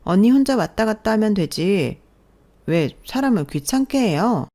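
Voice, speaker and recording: Brief: woman playing a catty young sister-in-law in a radio story, high-pitched, loud, sneering. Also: lively intonation, fairly quick, lightly acted. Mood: mocking. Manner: mocking, needling.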